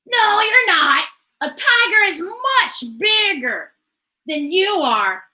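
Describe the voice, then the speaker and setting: A woman's voice: extremely high pitch, big pitch swings, slow, pushed and bright, heavily acted. Woman doing a skeptical scolding storybook animal. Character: doubting animal arguing with the mouse. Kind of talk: storybook read-aloud.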